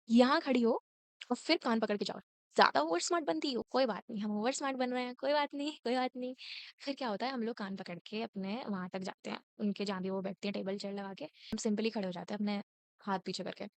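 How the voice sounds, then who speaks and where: With a fairly high pitch and no echo, a young woman in her late teens indignantly tells a school anecdote in a mix of Hindi and English, breaking into sharp raised lines as she imitates a teacher scolding.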